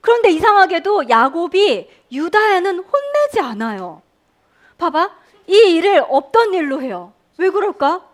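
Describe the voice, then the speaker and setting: In a church Sunday school room, a woman with a very high voice preaches to children at an unhurried pace. She's animated, quizzing the kids and leading them in call-and-response as they repeat phrases back.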